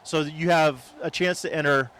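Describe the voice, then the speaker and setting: A man's voice: on the high side, steady tone, moderate pace, fairly bright tone. A man chatting casually as a guest in an interview recorded outdoors. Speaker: podcast guest, barbecue promoter. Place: outdoors at a market. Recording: outdoor recording with clear traffic noise. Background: vehicles and outdoor ambience.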